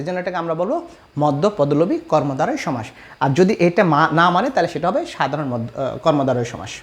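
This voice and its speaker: Hesitant Bangladeshi male tutor. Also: on the high side. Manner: explains with examples, frequent hesitations. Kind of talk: exam-prep grammar lesson.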